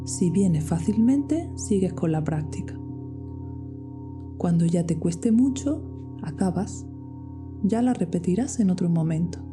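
A woman leads a guided meditation, speaking very slowly and gently, and her voice often sinks into a whisper. Calm music with singing bowls plays clearly behind her. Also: on the low side. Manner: soft, slow, often whispered. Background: soft music with singing bowls.

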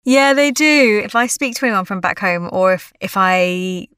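Studio quality with no echo captures a clear, resonant, fairly bright voice at medium pitch from an Australian actress and voiceover artist. Speaking at normal speed with lively intonation, she chats casually as an interview guest, laughing often and restarting her sentences.

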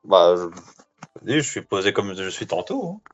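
A man's voice: low-pitched, big pitch swings, normal speed, faint music behind. Man heard over a dull phone line. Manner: hesitant, thinks aloud with many fillers. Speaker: co-host guessing in a radio game. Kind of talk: casual live web-radio banter. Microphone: phone lying on his lap, away from his mouth.

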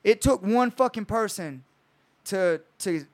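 A man's voice: high voice, animated, slow pace. A young man, a coach, telling a personal story in casual podcast chat, full of swearing and retold dialogue. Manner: storytelling, retells conversations with swearing.

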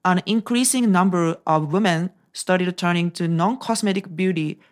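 A woman co-host with a slightly low voice. She reads narration, then chats loosely, restarting her thoughts often. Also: normal speed. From Japan. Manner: chatty, giggly, restarts sentences. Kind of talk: scripted narration and casual chat.

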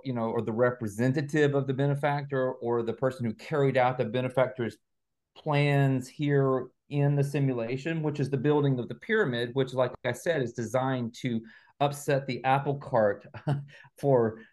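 A man with a mid-range, slightly mellow voice joins a video call as an interview guest, an author and researcher. He explains his ideas methodically, step by step.

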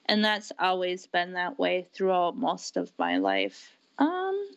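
A woman in her thirties co-hosting a podcast, explaining things about herself in a measured, unhurried way. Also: on the low side, huge pitch swings, clean tone, no echo, highs cut off. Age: 30s. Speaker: podcast co-host. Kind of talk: casual personal account.

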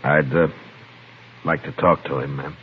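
A low-voiced frontier marshal, terse, measured and firm. He comes through a noisy, narrow-band old radio western recording. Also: fairly even intonation. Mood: calm, grave. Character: steady, laconic Old West lawman, firm and calm. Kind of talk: old-time radio western acting and narration.

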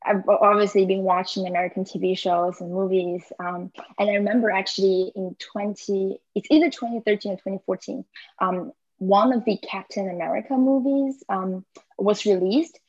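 A woman's voice: mid-range voice, fairly even intonation, normal speed, darkish tone, no echo. Young woman from south china, podcast guest, lots of ums, dry muffled sound. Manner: hesitant, many fillers, frequent laughs. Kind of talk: casual conversation.

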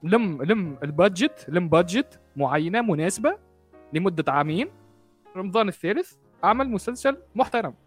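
A man's voice: high voice, expressive, a little fast, breathy edge, faint music behind. A man with a Tunisian Arabic accent, co-hosting a casual discussion and repeating himself for emphasis. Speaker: podcast co-host.

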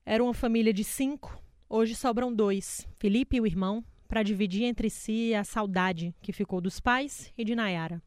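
A woman narrating a news report in a measured, solemn way. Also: medium pitch, a little mellow, no room sound, studio quality.

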